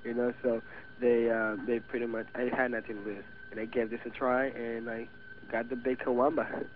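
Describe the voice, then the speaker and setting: Speaking at a moderate pace with a steady tone and medium pitch, this eighteen-year-old male guest actor has a Venezuelan Spanish accent and is a native Spanish speaker. He answers interview questions casually and hesitantly, with many restarts, over tinny radio audio carrying faint hiss.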